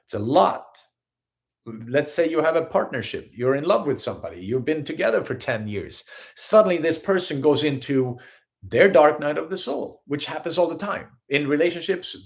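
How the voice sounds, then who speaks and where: A man's voice: fairly high pitch, normal speed, gravelly. A man from Sweden with a Swedish accent, giving an earnest live-streamed spiritual talk as a healer and host. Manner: earnest, animated, acts out little scenes in quotes.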